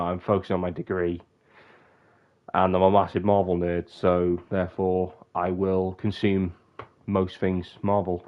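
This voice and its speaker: The recording is muffled, carrying a young man's low-pitched, stuffy, sniffly voice. He rambles casually on a live stream, frequently breaking off in the middle of sentences.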